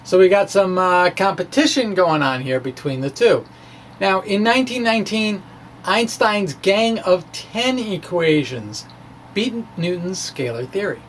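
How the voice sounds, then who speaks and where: A man informally presents his own science blog, giving a dramatic reading of a physics post and explaining things casually. His high-pitched voice is animated, fairly bright and a little slow, and he's wry and playful, often hesitating mid-phrase. There's a little hiss or hum in the recording.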